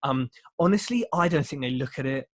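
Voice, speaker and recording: Man, live Q&A host, breezy, jokey, slangy, mid-pitched voice. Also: expressive, brisk. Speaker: show host asking listener questions. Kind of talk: casual live Q&A chat.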